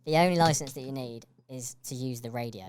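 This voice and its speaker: A British man hosting a casual podcast chat, his voice altered with a chipmunk-like pitch shift. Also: a little fast, a little mellow. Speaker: podcast host.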